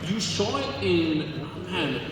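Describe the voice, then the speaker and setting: A man's voice: high-pitched, big pitch swings, slow, recorded from a distance, background noise. A man working as an esports caster, mixing match commentary with conversational analysis. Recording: echoey hall with loud music behind.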